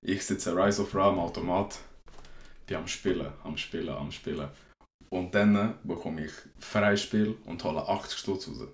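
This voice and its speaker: A man's voice: low-pitched, normal speed. A young man with a Swiss German accent, telling stories in a slangy, rambling way as a podcast host in casual chat. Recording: echoey room.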